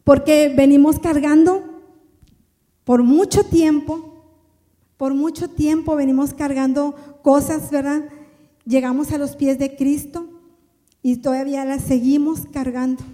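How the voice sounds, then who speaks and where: Woman giving a church testimony, high voice, very dark mellow tone, lots of repeating herself. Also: fairly even intonation, measured pace, long pauses, long reverb tail. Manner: emotional, repeats phrases over and over. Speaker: church member preaching. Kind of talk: testimony sermon.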